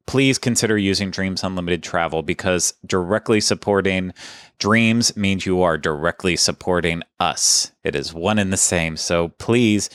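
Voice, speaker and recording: A man's voice: low-pitched, a bit bright, clear, resonant tone, dry recording. A man hosting a casual podcast, talking in a chatty, rambling way with frequent restarts. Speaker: podcast host.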